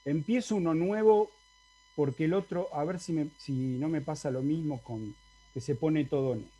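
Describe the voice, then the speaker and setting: A man's voice: a little high, normal speed, dark tone. A male university Latin teacher with an Argentine Spanish accent, explaining in an online lecture over a video call and often checking with the class. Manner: explanatory, asks the class for confirmation.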